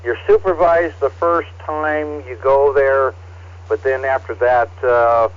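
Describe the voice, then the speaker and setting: A man serves as net control for an evening amateur radio net, his mid-pitched voice coming through a ham radio transceiver. The audio is dull and lo-fi. He reads out call signs in a relaxed, halting way with plenty of fillers. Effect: heard over a ham radio transceiver.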